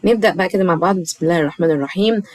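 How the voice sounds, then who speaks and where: A woman's voice: fairly low pitch, a little mellow. Egyptian woman teaching children English. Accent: Egyptian Arabic. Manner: slow, drawn-out repetition of English words.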